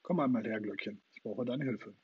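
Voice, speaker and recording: A husky man voicing a boastful, playful boy in a storybook reading, talking in a lively, triumphant way, on a dull lo-fi recording. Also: fairly low pitch, fairly quick. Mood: cheery. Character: boastful playful boy who never grows up.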